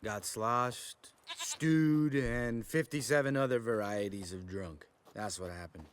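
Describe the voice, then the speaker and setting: A man's voice: mid-range voice, takes it slowly, a little hiss or hum, close to an everyday voice. An actor playing a sarcastic, crude witcher who mocks his friends. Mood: mocking. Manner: mocking, crude, sardonic. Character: gruff sarcastic witcher man, crude joker. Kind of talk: video game character dialogue.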